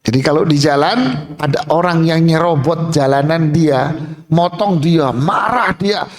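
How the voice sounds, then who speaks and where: A male Islamic preacher speaking to a mosque congregation in a lively, chatty way. He talks in a rather high voice and breaks into everyday examples as he teaches. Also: a little slow. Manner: lively, colloquial, acts out examples. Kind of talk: mosque sermon.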